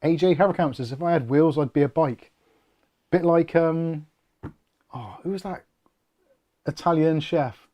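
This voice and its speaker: Reading out viewer comments on his tech channel's casual livestream, a middle-aged British man rambles and makes self-deprecating jokes. His voice sits a little high and a little slow, he pauses often, and the highs are cut off.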